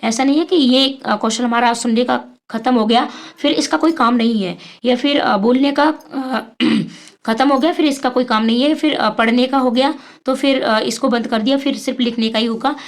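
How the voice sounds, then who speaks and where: A high-pitched woman teaches an exam-prep lesson. She poses questions to her students and answers them herself, stopping often on fillers. She keeps the pace of a classroom explainer. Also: normal speed.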